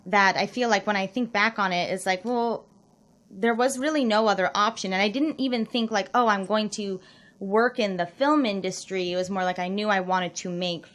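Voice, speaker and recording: A woman from Utah, a film director, who speaks reflectively as a podcast guest, with many pauses and fillers. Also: mid-range voice, fairly bright tone. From Utah, USA. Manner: reflective, many ums and likes. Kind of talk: casual interview chat.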